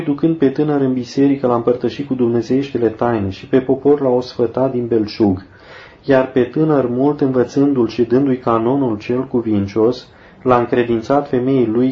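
A man giving a solemn, measured devotional reading of a saint's life, slowing down for the prayers. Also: mid-range voice, steady tone. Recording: dull lo-fi recording.

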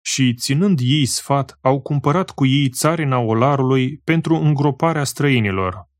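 A man reading scripture aloud in a solemn, slow and measured way, pausing phrase by phrase. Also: medium pitch, no echo, clean studio sound. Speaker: scripture reader.

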